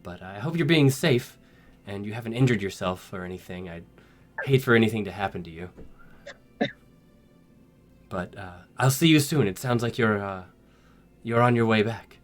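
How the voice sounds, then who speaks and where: A man's voice: fairly low pitch, lively intonation, faint music behind, lightly acted. A man doing a caring woman ship captain. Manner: halting, full of fillers.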